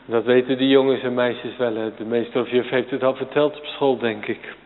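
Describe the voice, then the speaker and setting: A man preaching a sermon to a congregation and children, emphatic and swinging from quiet passages to sudden loud peaks. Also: mid-range voice, steady tone, moderate pace. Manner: addresses congregation and children directly. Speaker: pastor. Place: church. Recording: tinny phone-like sound, long church reverb.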